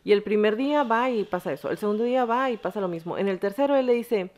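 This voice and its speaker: A woman's voice: mid-range voice, quick pace, a little mellow. A woman hosting a podcast, telling a story frankly in casual, slangy conversation with blunt profanity. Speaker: podcast host.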